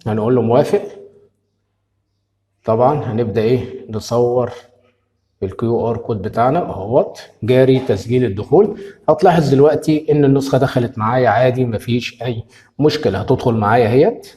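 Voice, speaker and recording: A man's voice: medium pitch, brisk, mellow. A man with an Egyptian Arabic accent walking viewers through a phone app tutorial, repeating each step and checking in with "okay?" after it. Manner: keeps asking "tamam?" after each step; explains steps patiently and repeats them. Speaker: tech tutorial host. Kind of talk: screen-recorded phone tutorial.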